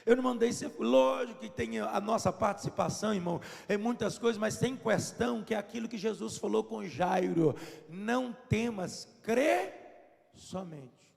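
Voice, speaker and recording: A Brazilian man preaching a Pentecostal sermon, telling a story and acting out the dialogue, sometimes building to shouts. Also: high voice, a little fast, vocal fry, hardly any pauses, big-room sound. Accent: Brazilian Portuguese. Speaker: pastor.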